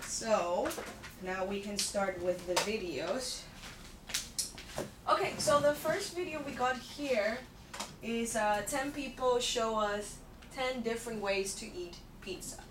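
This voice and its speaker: With a slightly high voice, a woman in her thirties takes her time teaching English to a class, patiently checking in with "okay?" and "right?". Background noise, a distant mic and room echo mark the recording.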